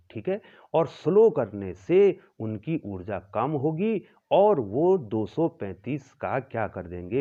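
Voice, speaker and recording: A man teaches a physics class in a lecture style, repeating key terms and often checking in with his students. His voice swings widely in pitch as he explains. The recording sounds thin and phone-like. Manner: addresses students as children, repeats terms, corrects himself.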